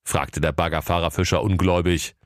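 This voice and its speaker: Deep male narrator for a comic fairy-tale parody, mock-solemn, dry studio read. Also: fairly even intonation, brisk, dry recording.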